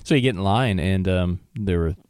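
Deep-voiced man chatting over news. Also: moderate pace, a little mellow, clear, resonant tone, no echo, clean studio sound. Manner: conversational, many fillers and restarts. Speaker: co-host. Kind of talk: casual news discussion.

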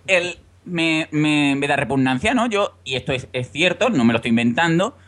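A man from Seville co-hosting a podcast over a video call, rambling with halting restarts and dramatic quotes. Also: on the high side, expressive, fairly bright tone. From Seville, Spain. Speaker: podcast co-host. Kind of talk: casual podcast chat.

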